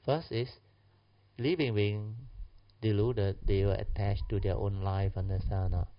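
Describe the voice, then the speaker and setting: A man's voice: fairly low pitch, fairly even intonation, a little slow, slight background noise. A man with a Malaysian or Singaporean accent teaching a class informally in colloquial slang English, with clipped phrases and tag particles. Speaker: Buddhist teacher. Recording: muffled, dull lo-fi audio.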